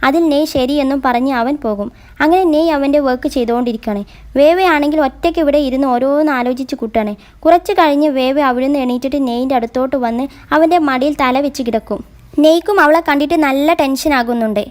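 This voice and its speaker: Brief: woman storyteller recapping a romance drama, high voice, steady chatty flow. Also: fast.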